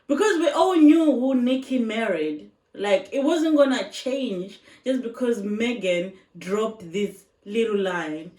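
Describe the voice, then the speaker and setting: A woman's voice: a little high, animated, slow pace, few pauses, mellow, recorded from a distance. A woman vlogger giving casual opinion commentary, speaking emphatically, repeating her points and asking rhetorical questions. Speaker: vlogger reacting to online videos. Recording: roomy echo, voice a bit off-mic.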